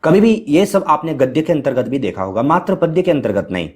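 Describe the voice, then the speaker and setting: A man's voice: fairly high pitch, very animated, a little fast, a little mellow. A man giving a lecture, explaining step by step, asking rhetorical questions and answering them himself, with frequent filler sounds. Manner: chants Sanskrit verse at varying speed. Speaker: teacher. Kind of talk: Hindi grammar lecture.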